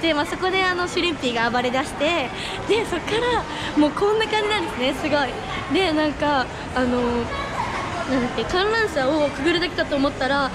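Excited high-pitched young woman vlogging. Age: young adult. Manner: excited, gushing, repetitive slangy exclamations. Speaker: host reporting on amusement park rides. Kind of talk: casual vlog chat. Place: outdoors at amusement park ride entrance. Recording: loud music and crowd, outdoor park.

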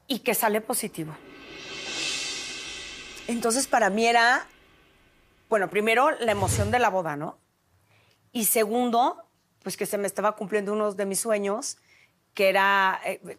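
A woman in her forties with a Mexican Spanish accent, a TV host lively and expressive as she tells a personal story, acting out the remembered dialogue. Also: mid-range voice.

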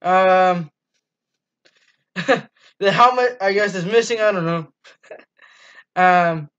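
A teenage boy hosts a casual postgame review for a sports fan channel from a small, dim room, talking enthusiastically with lots of ums and restarts. His voice is high, slow, a bit bright and smooth, captured in dull, lo-fi webcam audio.

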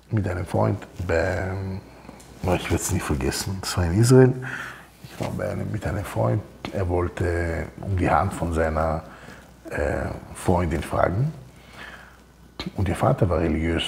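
A man preaches in a loose, storytelling way, his pitch swinging widely as he slips into the voices of the people in his anecdotes. His tone is dark and mellow, with a rough, gravelly edge. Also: a little hiss or hum. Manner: animated, acts out quoted dialogue. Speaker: Torah teacher. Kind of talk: informal sermon with personal stories.

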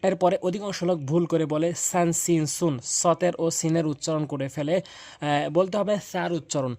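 A man's voice: a little high, fairly even intonation, moderate pace, darkish tone, no echo. A man teaching Quran pronunciation in a lesson, patiently explaining and drilling syllables one by one, with a Bangladeshi Bengali accent.

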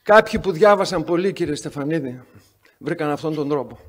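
A man chairing a medical conference session, giving an introduction full of sarcastic, wry anecdotes. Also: on the high side. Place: conference hall.

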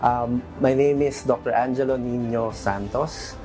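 A man's voice: mid-range voice, fairly even intonation, dark tone. Filipino guy in his 30s, earnest interview answers, lots of restarts, music underneath. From Philippines. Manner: earnest, halting, with frequent restarts and fillers. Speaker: interview guest, doctor. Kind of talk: sit-down interview, mixing English and Filipino. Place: bright studio room, seated on a sofa.

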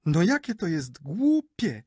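A man voicing a flighty, chattering wife who is quick to take offence, in an audiobook. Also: fairly high pitch, very animated, husky, no echo, clean studio sound, pitched above the performer's own voice. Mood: offended. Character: flighty, chattering wife, middle-aged woman. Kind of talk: audiobook character reading.

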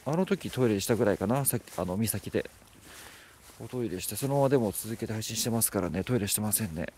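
A man chats on a live stream from a dark rural spot, his pitch bouncing up and down in a lively, playful way. He teases his viewers and jokes as he reads their comments aloud. A faint hush of outdoor night ambience sits behind his voice. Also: fast, slight background noise. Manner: playful, teasing, chatty. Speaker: livestreamer.

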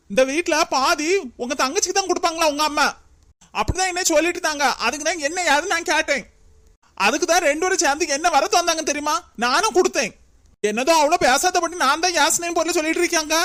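A woman's voice: very high voice, quick pace, fairly bright tone. Woman doing a defiant young daughter-in-law. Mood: angry. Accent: Kanyakumari Tamil. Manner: indignant, retorting.

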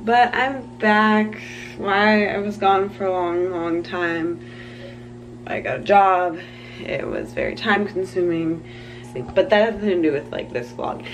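A woman's voice: lowish voice, background noise. A young woman vlogging casually, bubbly and rambling with lots of fillers, talking to a handheld camera. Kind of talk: casual vlog chat. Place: hotel room and travel.

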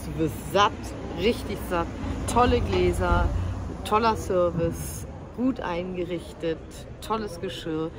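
A middle-aged woman chatting casually beside her partner in a vlog, upbeat and quick with praise, filmed on a phone at arm's length. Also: fairly low pitch. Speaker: co-host. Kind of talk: casual chat. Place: outdoors at a restaurant. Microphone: phone camera held at arm's length. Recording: noisy outdoor street.

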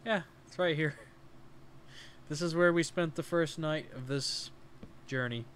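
A man's voice: fairly high pitch, measured pace, fairly bright tone. Chatty young man narrating his gameplay. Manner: chatty, talks through each step aloud. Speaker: let's play host. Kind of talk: casual gameplay commentary. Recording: faint background hiss.

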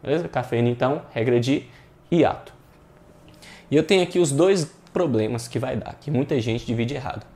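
Male Brazilian teacher with a mid pitch, walking students through grammar questions in a didactic, question-and-answer way. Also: normal speed, warm tone. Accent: Brazilian Portuguese. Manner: didactic, checks in with frequent rhetorical questions. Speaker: online exam-prep teacher. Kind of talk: explaining grammar exercises.

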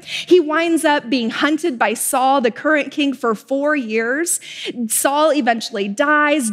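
A woman in her thirties preaching an earnest, expressive sermon with emphatic repetitions, filmed in a bright studio. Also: high-pitched, big-room sound. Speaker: pastor. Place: bright studio with a large projected slide.

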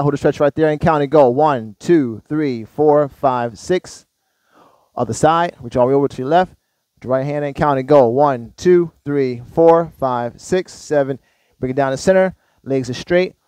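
A man working as a fitness instructor, guiding stretches with short, measured step-by-step directions and counts. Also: fairly high pitch, a little mellow, smooth, dry recording.

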